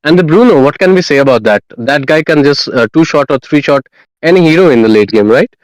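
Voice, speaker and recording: Energetic male esports caster, higher voice. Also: quick pace, dry recording, rough recording. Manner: energetic, hype-building introductions. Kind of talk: play-by-play esports commentary.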